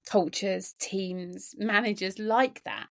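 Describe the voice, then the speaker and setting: Speaking slowly in a steady, medium-pitched voice, this woman is a neurodiversity trainer guesting on a podcast. Her talk about workplaces is earnest and emphatic, full of repeated words and frequent "you know" fillers in a conversational interview.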